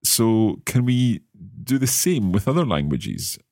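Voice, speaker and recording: A man hosting a language lesson podcast, trying out phrases slowly and asking curious questions. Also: mid-range voice, very animated, darkish tone, no echo, studio quality. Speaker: language course host.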